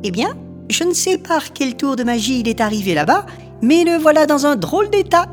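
A woman voicing a calm, kindly schoolteacher in a storybook, speaking gently and reassuringly. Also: sits high, normal speed, big-room sound, faint music behind.

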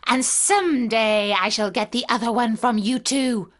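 A woman voicing a wicked, cunning old witch from a storybook, in a theatrical, drawn-out wail. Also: a little high, a bit bright. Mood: gloating, defiant.

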